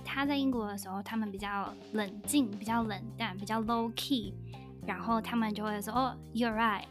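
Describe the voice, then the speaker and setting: A woman hosting a casual podcast conversation, chatty and animated as she tells stories. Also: medium pitch, normal speed, music in the background. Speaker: podcast host.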